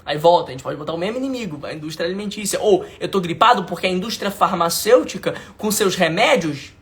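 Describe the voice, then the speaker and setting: A mentor with a Brazilian Portuguese accent delivers a live online class lecture, speaking fast in an expressive, high-pitched, fairly bright voice. He talks to viewers directly with informal slang, emphatic and repetitive, checking that the audience is following along.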